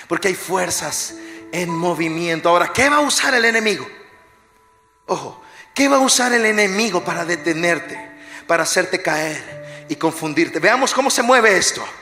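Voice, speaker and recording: A male pastor preaches in a high, ringing voice with a bright edge. He leads his congregation in call-and-response, jokes with them, and drops from shouted war cries to near-whispers. The live recording rings with a long church echo and faint music behind. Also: animated, unhurried, pauses often. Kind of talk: energetic sermon. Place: large church hall.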